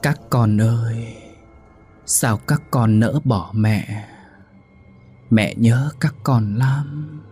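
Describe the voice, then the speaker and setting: A man voicing the ghost of an old mother who calls out in a hoarse, broken, drawn-out wail. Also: medium pitch, a little mellow, soft background music, heavily acted. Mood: mournful, reproachful. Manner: drawn-out mournful calling.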